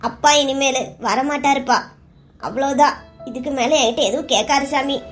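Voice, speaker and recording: Tender tired mom, soothing and teary, high voice, faint music behind, cartoon serial, woman voicing her. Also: fairly even intonation, moderate pace, close to an everyday voice. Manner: soothing, tearful. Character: worried middle-aged mother, tender and weary.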